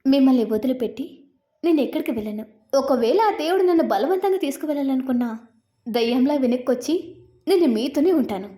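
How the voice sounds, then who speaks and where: A woman's voice: high voice, lively intonation, brisk, dark tone. Woman voicing a playful young wife. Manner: playful, affectionate. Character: cheerful young wife recovering in hospital.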